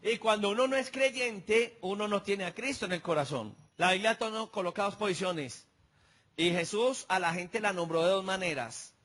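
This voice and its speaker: A male pastor, delivering a sermon in a high, bright, ringing voice. He tells stories and voices the people in them, building to emphatic peaks. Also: moderate pace. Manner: storytelling preacher acting out dialogue, rising emphatic peaks.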